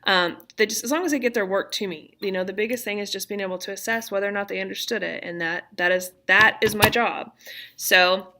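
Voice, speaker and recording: A woman's voice: medium pitch, brisk, pushed and bright. A woman teacher talking casually to parents from her classroom, chatty, laid-back and reassuring. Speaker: middle school teacher.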